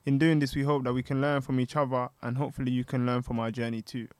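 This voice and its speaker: A man's voice: mid-range voice, level tone, fast talker, smooth, no room sound. A young man with a London accent, chatting casually as a podcast co-host. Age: young adult. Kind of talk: casual chat.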